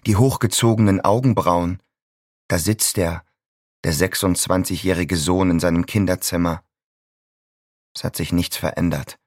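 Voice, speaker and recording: A man's voice: deep voice, fairly even intonation, moderate pace, long pauses, dry recording, studio quality, lightly acted. An actor in his twenties playing a bitter 26-year-old son stuck in his childhood room, in a sardonic, brooding inner monologue. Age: 20s.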